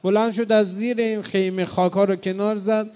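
A man preaching a mourning sermon, swinging between loud cries and low, grieving tones. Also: little pitch movement. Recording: long hall reverb.

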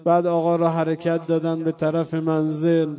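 Man, mourning sermon, indoor gathering, soft storytelling and loud chanted lament, narrow pitch range, mellow dark tone. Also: completely flat delivery. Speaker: mourning preacher. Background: live congregation.

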